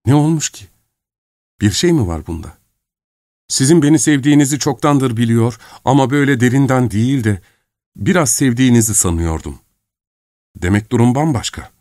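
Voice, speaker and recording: A man's voice: medium pitch, animated, moderate pace, long pauses, darkish tone, dry recording, voice pushed up, natural voice. Distraught young woman voiced by a man, audiobook, emotional, pleading, dry close sound. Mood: flustered. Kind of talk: audiobook character reading.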